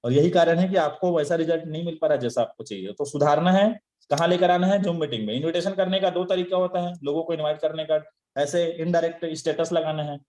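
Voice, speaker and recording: Guy with a high voice giving a pep-talk lesson, scolding with lots of rhetorical questions, roomy echo. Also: fast talker, darkish tone. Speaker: network marketing trainer. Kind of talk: motivational training talk. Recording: echoey room.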